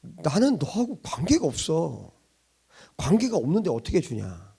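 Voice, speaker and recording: A man voicing God as a patient heavenly father, speaking in a calm, measured, gently reproachful way. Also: fairly high pitch, creaky, breathy edge, heavily acted.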